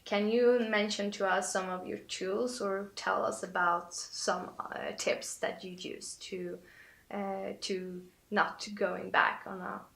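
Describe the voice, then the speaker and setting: A woman's voice: mid-range voice, little pitch movement, slow, gravelly, fairly bright tone. A woman asking interview questions, tentatively hunting for the right words. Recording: roomy, echoing sound.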